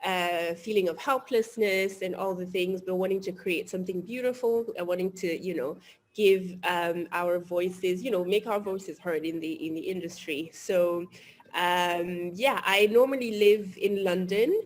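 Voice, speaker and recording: A woman born in Togo introducing herself on an online panel, earnest with "um" fillers and pauses, over a video call. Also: on the low side. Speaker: magazine founder. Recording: faint background noise.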